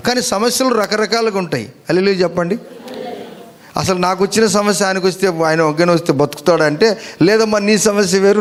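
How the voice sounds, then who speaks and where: Man, pastor, Sunday sermon, high pitch, rhetorical questions to the crowd. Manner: calls out for hallelujahs and amens; fires rhetorical questions at the listeners.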